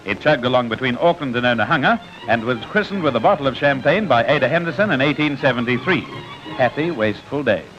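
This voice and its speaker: A man narrating an old newsreel in a brisk, jaunty scripted manner with wry asides, heard as an old newsreel soundtrack. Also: mid-range voice, animated. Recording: dull lo-fi old newsreel film sound with music.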